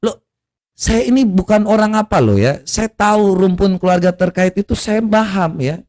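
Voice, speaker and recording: A man's voice: high-pitched, animated, normal speed, darkish tone. A man from in eastern Indonesia, delivering a confrontational online rant full of taunts, rhetorical questions and mocking laughter. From Kupang, East Nusa Tenggara, Indonesia. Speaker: online religious commentator. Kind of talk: confrontational social media rant.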